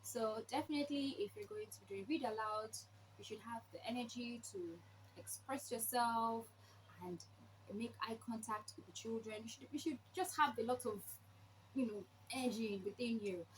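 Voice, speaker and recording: Higher-pitched woman presenting tips over background noise. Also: normal speed. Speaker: presenter sharing read-aloud tips. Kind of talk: informal instructional talk to camera. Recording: clearly noisy background.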